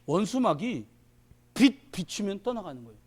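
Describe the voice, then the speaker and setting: A man in his fifties preaching a sermon, swinging from loud declarations to muttered asides as he acts out little scenes. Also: sits high, sing-song, normal speed, husky. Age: 50s. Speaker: pastor.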